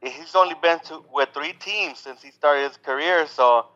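A man's voice: on the high side, moderate pace. Laid-back man, dull lo-fi sound. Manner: relaxed, self-assured, repeats words and says yep a lot. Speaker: podcast co-host. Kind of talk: casual sports podcast chat.

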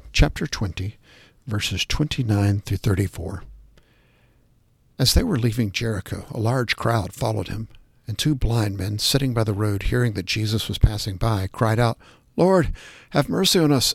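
A man reading scripture passages and prayers aloud in a measured, reverent devotional style. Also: fairly low pitch, gravelly, husky, no echo.

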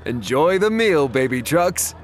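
A man's voice: on the high side, big pitch swings, unhurried. A man voicing a heroic, eager super truck in a children's cartoon, upbeat and encouraging with exclamations. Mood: cheerful.

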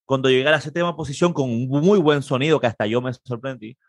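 This trombonist from Peru, a guest in an interview, speaks fast at a medium pitch with a Peruvian Spanish accent, captured in a clean, dry studio recording. Telling a relaxed story with lots of energy, he performs everyone else's dialogue loudly.

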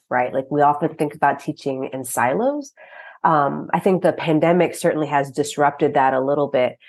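A woman's voice: deep voice, a little mellow. A woman professor answering as a podcast guest, thoughtful and checking in with tag questions. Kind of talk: casual interview.

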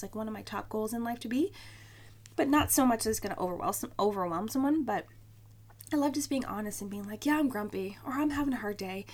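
A young woman hosting a solo podcast, talking in a chatty, candid way with lots of "like" and "um". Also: fairly high pitch. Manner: chatty and candid, many fillers like "like" and "um". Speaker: podcast host. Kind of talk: casual solo podcast talk.

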